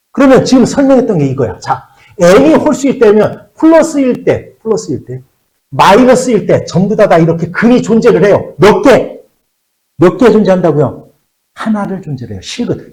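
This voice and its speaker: A man teaching a math class to high school students, often repeating key words and checking that they follow. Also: dark tone, poor audio.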